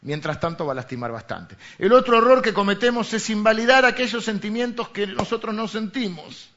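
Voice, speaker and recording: A man's voice: high voice, lively intonation, fairly quick, a bit bright. A man with a Rioplatense Spanish accent, a pastor giving a sermon in a conversational way, full of rhetorical questions. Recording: dull lo-fi recording.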